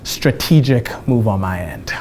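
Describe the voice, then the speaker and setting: A young man chatting casually as a game show contestant, relaxed and joking. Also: fairly low pitch, measured pace, a little hiss or hum. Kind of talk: casual group chat.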